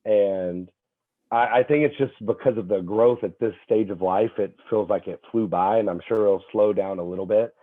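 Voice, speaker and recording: A young man, a fitness trainer appearing as a podcast guest, telling stories in an animated way, full of fillers and restarts. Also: fairly low pitch, normal speed. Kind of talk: casual chat. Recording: tinny phone-like call audio.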